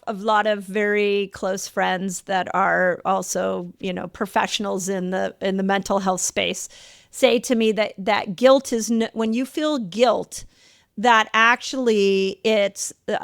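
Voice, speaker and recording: A woman's voice: mid-range voice, vocal fry, dry recording, studio quality. A middle-aged woman hosting a podcast interview, affirming her guest and thinking aloud with restarts. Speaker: podcast host. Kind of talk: conversational interview.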